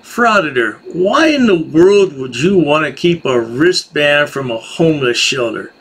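A middle-aged man hosts a scornful commentary voice-over, sneering at what he shows. His voice sits a little high and swings widely up and down as he talks. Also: animated, measured pace, fairly bright tone, slight background noise. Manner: sarcastic, scornful. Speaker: commentary host.

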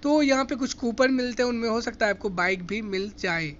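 A man's voice: very high-pitched, brisk, muffled recording, over loud music. A man casually narrating a tour vlog through a large indoor shopping mall, chatting to viewers as guys and explaining prices and offers. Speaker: vlogger.

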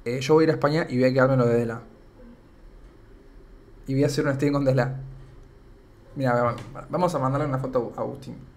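A man's voice: mid-range voice, steady tone, fairly quick, pauses often, darkish tone, a little hiss or hum. A young man with an Argentine accent, chatting casually on a live stream and reading comments aloud, his voice a bit worn out. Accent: Argentine Spanish. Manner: chatty, rambling, reads chat aloud.

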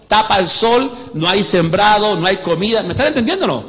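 A man's voice: high voice, expressive, a little fast, fairly bright tone. Man, pastor, emphatic sermon, keeps asking if listeners follow, long hall reverb. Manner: emphatic, asks the audience if they follow. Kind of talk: animated preaching.

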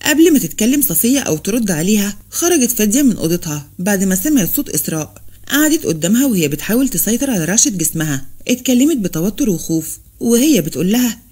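A woman's voice: mid-range voice, big pitch swings, fast, dark tone, breathy edge. A woman reading a scripted romance story as narrator.

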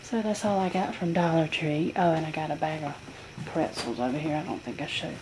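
Indoors at her kitchen table, a vlogger briskly lists her groceries for a casual haul video, dropping plenty of ums along the way. Her low, slightly mellow voice has lively intonation, and the low-quality home camera recording, made on a handheld camera aimed at the table, has clear noise.

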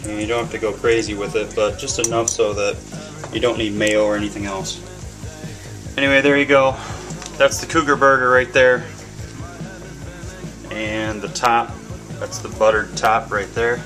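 A man's voice: fairly low pitch, fairly even intonation, normal speed, long pauses, over music, rough recording. A man in his thirties talking casually to a webcam while cooking in his home kitchen, rambling with lots of ums and swearing freely. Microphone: webcam camera mic.

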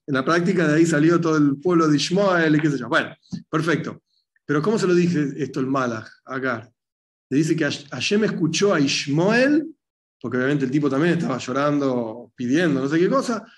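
A man teaching a conversational religious lesson as a rabbi, retelling stories with animated delivery and acted-out voices. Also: a little high. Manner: animated storytelling, acting out voices in retold stories.

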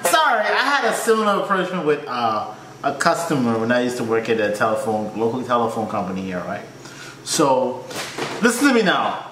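Animated laughing man host, roomy sound. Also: on the high side. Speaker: reaction video host. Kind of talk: casual storytelling. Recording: roomy, faint noise.

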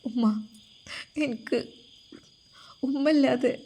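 A woman's voice: high voice, steady tone, takes it slowly, dark tone, husky, pitched above the performer's own voice, exaggerated voice. A woman voicing a devoted young daughter-in-law, speaking in a pleading, emotional way. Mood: tearful, pleading.

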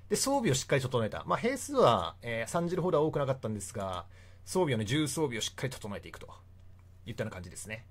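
A man's voice: medium pitch, very animated, fast, husky. A young man giving a casual, chatty history lecture and often laughing between points. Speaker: history explainer.

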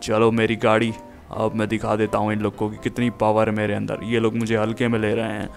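A man's voice: fairly low pitch, completely flat delivery, a little fast, vocal fry, faint music behind. A man voicing an arrogant, bragging male superhero in a game voiceover. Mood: boastful threat. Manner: bragging, threatening, then screaming for help. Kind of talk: game voiceover role-play.

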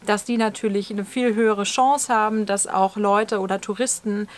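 A woman in her thirties talks through her opinions in a steady, fluent, explanatory way. She is co-hosting a casual discussion to camera outdoors in a leafy garden, picked up by a camera mic. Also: medium pitch, normal speed. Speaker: channel co-host.

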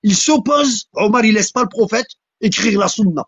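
Husky preachy voice going off in a polemic rant, keeps asking "hein?", dry dull recording. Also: medium pitch, expressive, moderate pace, no echo. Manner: insistent, repeats "hein?" and "tu vois?"; emphatic, repeats lines for stress. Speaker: religious polemicist. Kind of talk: heated religious polemic talk.

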